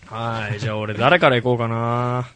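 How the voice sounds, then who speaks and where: A man co-hosting a casual podcast chat, excitable and quick to laugh as he jokes with his friends. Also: medium pitch, dry recording. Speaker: podcast co-host. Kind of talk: casual chat about an anime concert.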